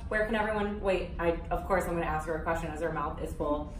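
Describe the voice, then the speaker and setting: A woman's voice: on the low side, fast. An enthusiastic woman host gushes through a casual cooking video. She is recorded from some distance in a roomy, echoing space, with faint noise behind her. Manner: gushing, enthusiastic. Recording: echoey room, distant mic, faint noise.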